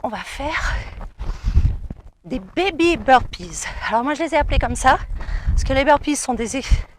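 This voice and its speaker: A woman's voice: high voice, lively intonation, normal speed, a little hiss or hum. A woman fitness coach guiding a cardio workout outdoors, giving encouraging, coaxing cues and counting down. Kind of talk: guided cardio workout instruction.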